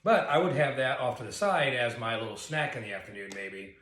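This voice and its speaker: A man's voice: mid-range voice, big pitch swings, brisk, a bit bright. A man chatting casually as co-host of a snack taste test, eating crunchy chips between remarks. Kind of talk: casual chat while tasting food. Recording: echoey room with faint noise.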